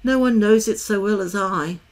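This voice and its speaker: A woman voicing a gentle grown mother, soft, apologetic and wistful. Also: medium pitch, moderate pace, natural voice.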